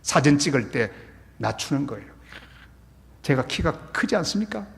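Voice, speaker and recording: A middle-aged male pastor preaching a revival sermon in a church sanctuary. His pitch swings widely as he tells stories and acts out the people in them, and a long hall reverb trails each phrase. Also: normal speed, creaky. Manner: animated, acts out scenes and quotes.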